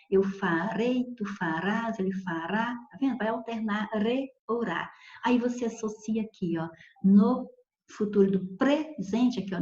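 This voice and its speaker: Expressive woman teacher, mellow voice, echoey room. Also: mid-range voice, muffled recording. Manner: explains step by step, often checks with "certo?" and "tá vendo?"; lively, expressive emphasis with sudden slow stressed words. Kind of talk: grammar lesson.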